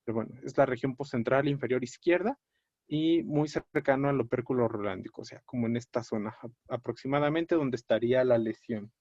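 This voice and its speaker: A man lecturing on a clinical topic in a measured, explanatory way, often pausing on fillers and correcting himself mid-word. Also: mid-range voice, a little mellow, no echo. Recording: dry, dull lo-fi audio.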